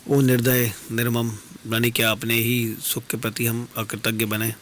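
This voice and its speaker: A man's voice: medium pitch, completely flat delivery, fairly bright tone, a little hiss or hum, lightly acted. A man as a serene, philosophical wandering stranger. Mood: consoling. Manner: measured, philosophical, consoling. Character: calm, detached wandering male stranger, philosophical. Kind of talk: dastangoi storytelling performance. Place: radio studio.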